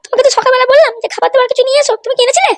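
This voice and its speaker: A woman voicing a sweet, plaintive young wife in a cartoon, squeaky and complaining. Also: rapid-fire.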